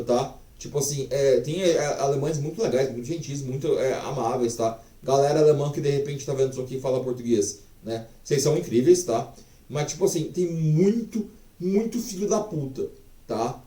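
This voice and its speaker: A man's voice: medium pitch, fast talker, dark tone, reverberant, distant mic. A man teaching a casual online language lesson, chatty and profane, full of fillers.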